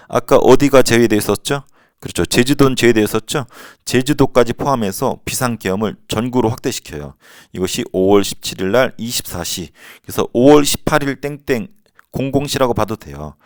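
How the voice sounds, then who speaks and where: A man in his forties teaching a high school history lesson, casual and joking, now and then shouting out slogans. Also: no room sound, clean studio sound. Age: 40s. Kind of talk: lecture for high school students.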